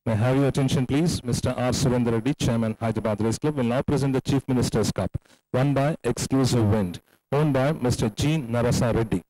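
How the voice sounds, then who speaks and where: A man delivers a public address announcement, calling for attention and reading out names and titles in a measured, formal way. His voice is mellow and the sound is dry and close. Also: medium pitch, dry recording, rough recording. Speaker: racecourse announcer.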